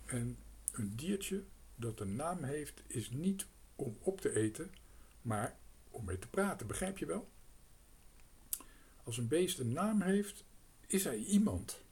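A man's voice: mid-range voice, sing-song, slow, a little mellow, husky, heavily acted. A man voicing a hungry, talkative male crow who rambles and hesitates, in a storybook reading. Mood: musing.

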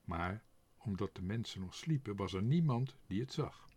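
A man narrating a children's storybook in an expressive, animated way. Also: on the low side, normal speed, breathy edge. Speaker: audiobook narrator.

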